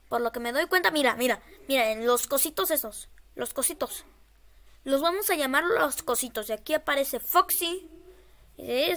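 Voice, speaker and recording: A woman's voice: high voice, sharp tone. A woman horror game streamer giving casual, scared gameplay commentary, nervously repeating short phrases.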